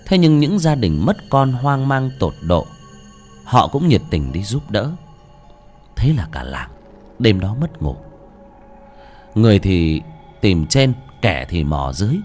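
A man narrating a horror audiobook in a dramatic, expressive storytelling manner. His voice sits low yet swings widely in pitch, with soft music faint behind him.

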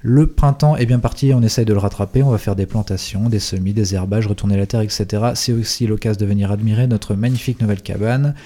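A man's voice: lowish voice, fairly even intonation, quick pace, few pauses, warm tone. Man reading out event announcements. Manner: reads text with some fillers. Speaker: radio show presenter reading announcements.

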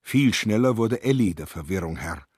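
A man narrating a radio drama in a measured, grave manner, with a husky voice. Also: lowish voice, lively intonation, a little mellow, dry recording, clean studio sound.

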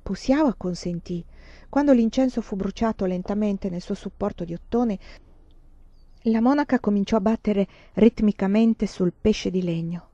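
A woman reading a novel aloud with a measured, expressive storytelling delivery. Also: mid-range voice, dry recording, highs cut off. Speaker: reader.

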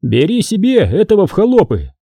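A stern nobleman who gives curt orders and cold choices, played by a male narrator. His voice is slightly raised but dark and firm. Dry, close recording. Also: fairly high pitch, big pitch swings, normal speed, no room sound, pitched above the performer's own voice. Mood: commanding. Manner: curt, commanding. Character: stern commanding medieval boyar man. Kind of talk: audiobook character voicing.

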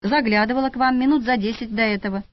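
A woman voicing a calm young female shop assistant who explains in a matter-of-fact way. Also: on the high side, fast talker, voice pushed up, close to an everyday voice. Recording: lo-fi audiobook recording.

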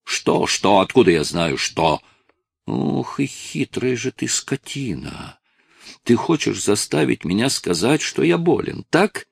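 A man voicing a desperate, tearful eighteen-year-old male addict who shouts and pleads with his father, in a dry, close recording. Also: mid-range voice, very animated, slow, vocal fry, breathy edge, no room sound, exaggerated voice. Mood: agitated.

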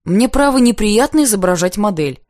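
A woman's voice: medium pitch, lively intonation, moderate pace, a little mellow, no echo, clean studio sound, lightly acted. A woman reading aloud, voicing a sulky young man who grumbles with irritation. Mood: grumbling, irritated.

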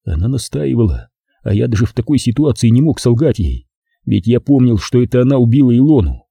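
A man's voice: mid-range voice, sing-song, brisk, gravelly, mellow, husky, no room sound, clean studio sound. A man narrating a first-person audiobook, telling the story expressively and acting out the dialogue.

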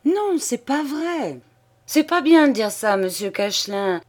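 A woman voicing a flustered old man protesting that a story is untrue, high-pitched and pleading. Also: sing-song, unhurried, heavily acted.

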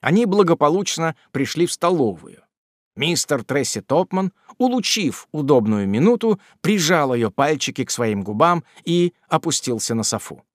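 A man narrating a classic novel as an audiobook in an expressive storytelling manner. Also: on the high side, normal speed, no echo, studio quality.

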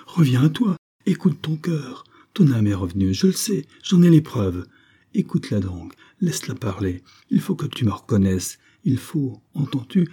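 A man's voice: mid-range voice, mellow, husky, pitched above the performer's own voice. A man voicing a scheming count who pleads theatrically with his wife.

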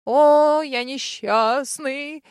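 A woman's voice: mid-range voice, animated, normal speed, dry recording, natural voice. A mocking, melodramatic male dragon ghost with a dry, close sound, as a woman reading the story puts him on. He whines and jeers in theatrical bursts.

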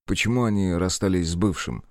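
A man's voice: sits low, no echo, clean studio sound, lightly acted. A man playing a careful young investigator. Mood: polite. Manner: calm, measured, polite.

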